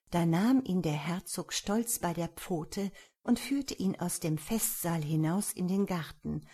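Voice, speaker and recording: A woman narrating a fairy tale aloud in a lively, expressive storybook manner. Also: medium pitch, breathy edge. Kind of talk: storybook reading.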